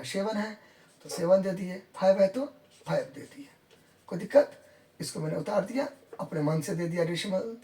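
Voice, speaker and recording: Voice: mid-range voice, warm tone, distant mic. Repetitive maths teacher in an echoey room. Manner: repeats each step and checks in with students; counts numbers out in English within Hindi talk. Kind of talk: classroom maths lesson.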